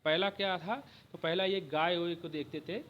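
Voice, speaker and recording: The audio is dull, and the lecturer's voice is a little high and steady in tone. He teaches exam-prep history step by step, frequently checks in with his students, repeats "ठीक है" often, and explains slowly with restarts.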